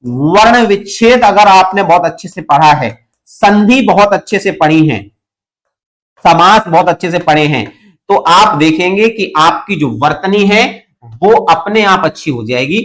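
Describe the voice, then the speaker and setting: Man, young adult, grammar teacher, high voice, repeats key points, asks students questions. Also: animated, unhurried, a bit bright. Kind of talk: online exam-prep lesson.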